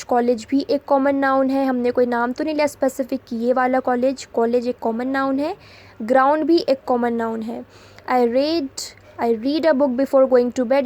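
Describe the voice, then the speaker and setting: A woman teaching English grammar in a Hindi lesson, explaining patiently and reading example sentences slowly. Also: high voice, darkish tone. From India.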